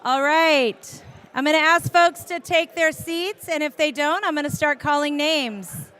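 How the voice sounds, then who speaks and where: Bright high-voiced woman emceeing a ceremony. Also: measured pace. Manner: upbeat, teasing, cajoling a crowd. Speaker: emcee and transit board chair. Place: outdoor transit station ceremony.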